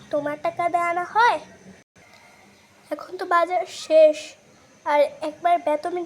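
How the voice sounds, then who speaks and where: A girl voicing a strict mother in a doll-play skit who scolds in a shrill, high voice. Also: lightly acted. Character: strict scolding mother, protective of her flower garden.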